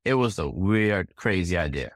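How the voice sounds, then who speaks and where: A man from Guyana answering interview questions as a guest entrepreneur, relaxed and easygoing. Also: sits low, moderate pace, no room sound, clean studio sound. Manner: relaxed, repeats "right?" and laughs easily.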